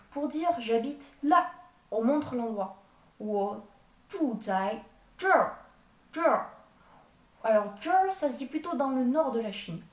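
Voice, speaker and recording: Unhurried woman teaching, echoey room. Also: fairly high pitch. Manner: patient, explains step by step, spells out Chinese words slowly. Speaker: Chinese language teacher. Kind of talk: language lesson explanation. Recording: echoey room, distant mic.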